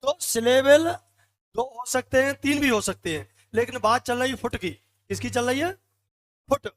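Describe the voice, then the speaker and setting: एक पुरुष अंग्रेज़ी साहित्य के शिक्षक, जो कक्षा में कविता के मीटर पर व्याख्यान देते हैं और बार-बार सवाल पूछकर ख़ुद ही जवाब देते हैं, फ़ुट एक-एक करके गिनते हुए।. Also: male voice, very high voice, normal speed, fairly bright tone. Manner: asks the class questions and answers them himself, counts out feet one by one. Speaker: English literature teacher. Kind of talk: classroom lecture.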